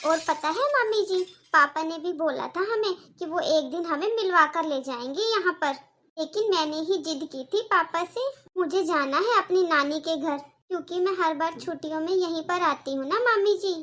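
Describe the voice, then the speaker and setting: An outspoken young girl, voiced by a woman for a Hindi-language cartoon, talking in a very high, sharp voice. She pleads earnestly and stands up for her mother. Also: moderate pace. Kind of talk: cartoon voice acting.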